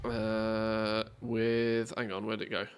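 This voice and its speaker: Low-pitched and totally flat, this English-accented game streamer takes his time as he jokes about himself in a casual chat. Born in the northwest of England, he spent most of his life in the Midlands. There's a slight hiss or hum on the recording.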